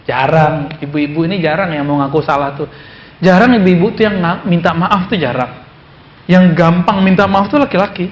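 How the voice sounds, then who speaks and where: A man giving a sermon to a congregation in a relaxed, conversational way, quoting Arabic and then explaining it in plain speech with teasing asides. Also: on the high side, moderate pace, highs cut off. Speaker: preacher. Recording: echoey room with faint background noise.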